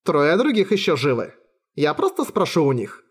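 A man's voice: on the high side, very animated, brisk, breathy edge. A man voicing a cocky young sorceress who threatens a prisoner with teasing, coldly sweet menace in an audiobook. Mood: mock menacing.

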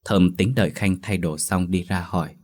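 A man narrating a ghost story in a slow, measured, suspenseful scripted style. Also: sits low, darkish tone.

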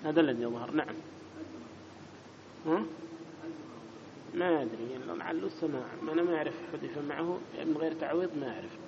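A man teaching an Arabic grammar lesson, quizzing his students, correcting them briskly and reading the text aloud in a louder, higher voice. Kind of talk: classroom lesson with student questions. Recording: dull lo-fi recording with clear background noise.

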